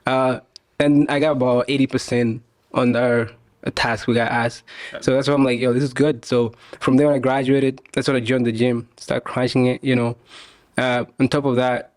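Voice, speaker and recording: A man's voice: medium pitch, no echo. A young man from Tanzania, a podcast guest, chatting casually with lots of "you know" and easy laughs. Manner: relaxed, laughs often, many fillers like "you know". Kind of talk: casual interview chat.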